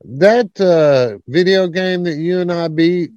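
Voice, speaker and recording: A man's voice: sits high, takes it slowly, a little mellow, dry recording, highs cut off. A man co-hosting a podcast who chimes in with short, easygoing comments. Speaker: podcast co-host. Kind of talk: casual podcast banter.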